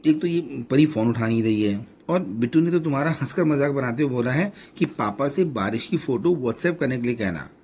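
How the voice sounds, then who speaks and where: A man voicing a sharp-tongued middle-aged wife who teases and scolds her husband. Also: mid-range voice, animated, moderate pace, few pauses, a little hiss or hum, voice pushed up, close to an everyday voice. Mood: complaining. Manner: scolding, bossy.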